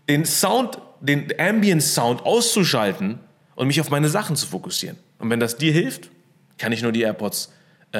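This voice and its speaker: Upbeat man hosting a motivational talk. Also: on the high side. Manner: upbeat, mixes English phrases into speech. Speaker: host. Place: his apartment. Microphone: studio microphone.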